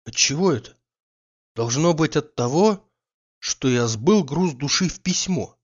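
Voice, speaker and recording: A man reading an audiobook, voicing a fretful, easily exasperated idle gentleman who scolds in an agitated way. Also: fairly high pitch, lively intonation, measured pace, highs cut off.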